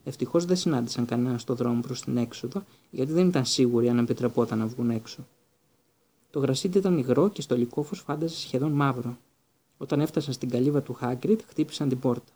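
A man narrating an audiobook in a steady, unhurried way, with the odd stumble. His voice is dark and mellow, with a husky grain. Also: medium pitch.

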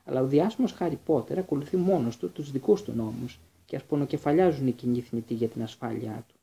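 A man's voice: mid-range voice, creaky, warm tone, lightly acted. A man reading aloud and voicing a stern, sneering male professor who interrogates coldly. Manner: sardonic, interrogating.

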